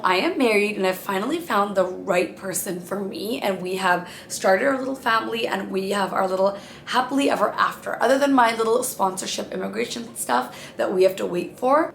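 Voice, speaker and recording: A woman's voice: mid-range voice, vocal fry. A woman in her late twenties giving chatty, earnest relationship advice in a casual vlog, talking straight to her viewers. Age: 20s. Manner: chatty, earnest, addresses viewers as "you guys". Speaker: relationship vlogger. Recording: echoey room with faint ambient noise.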